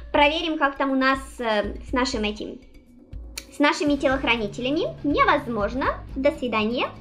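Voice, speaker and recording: A woman's voice: high voice, a bit bright. A young woman giving playful, chatty, exclamatory commentary as a gaming host, in a casual Let's Play style. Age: young adult. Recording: music behind the voice. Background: game music.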